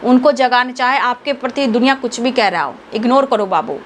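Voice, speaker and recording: Earnest tarot reader woman, higher voice. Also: a little fast, a little hiss or hum. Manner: earnest, affectionate, preachy. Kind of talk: spiritual guidance talk.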